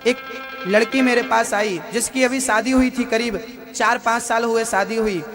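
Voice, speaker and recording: A man's voice: extremely high pitch, steady tone, normal speed, music in the background. A man preaching a devotional sermon, asking rhetorical questions and repeating phrases for emphasis.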